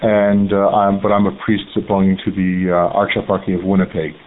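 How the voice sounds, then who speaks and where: A Canadian man in his forties, a priest and seminary rector, answering radio interview questions in a halting way with many ums and uhs. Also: low voice, completely flat delivery. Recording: tinny phone-line sound with faint hiss.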